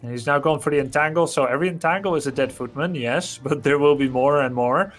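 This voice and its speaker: A man giving animated live color commentary on a strategy game, with quick questions and laughing asides. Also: a little high. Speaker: esports caster.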